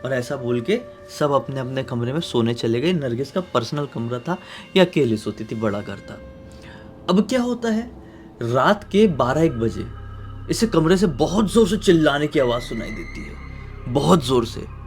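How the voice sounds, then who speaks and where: A man telling a horror story in a casual, dramatic way, swinging between loud bursts and hushed tones. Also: medium pitch, big pitch swings, normal speed, soft background music.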